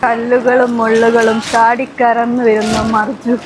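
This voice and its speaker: A woman's voice: level tone, measured pace, crowd noise. A woman casually vlogging, exclamatory and mixing English words into her Malayalam. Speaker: travel vlogger. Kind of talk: casual spoken vlog commentary. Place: mostly outdoors on a trek. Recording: noisy outdoor recording with vehicle-like rumble.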